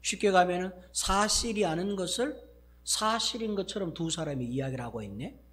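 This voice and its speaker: Male pastor, Gyeongsang accent, lively sermon delivery with dramatized exclamations, slightly high-pitched. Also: normal speed. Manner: animated, acts out exclamations, swings from loud to hushed.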